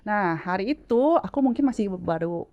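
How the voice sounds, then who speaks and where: A woman's voice: medium pitch, animated, normal speed, lo-fi sound. A woman in her late twenties, a guest telling her story in a casual, chatty way and slipping English words into her speech. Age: late 20s.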